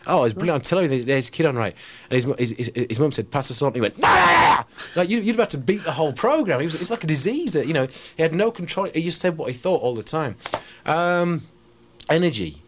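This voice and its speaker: A man's voice: on the high side, expressive, fast talker, a little hiss or hum. A middle-aged man, a ranting poet talking in a radio interview, brash and rambling with many restarts. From England.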